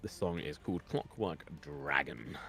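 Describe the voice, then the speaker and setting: A man with a very low voice narrates a tabletop game as game master, rambling through lots of fillers. His voice sounds a little weak, and faint music plays behind him. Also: lively intonation, a little slow, gravelly, fairly bright tone. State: slightly weak voice.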